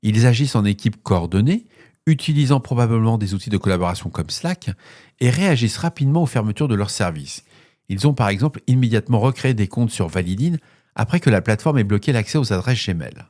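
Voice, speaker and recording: A man's voice: lowish voice, lively intonation, fast, a little mellow, no echo, clean studio sound. A man hosting a cybersecurity news podcast, reading bulletins and then slipping into casual off-script asides with fillers.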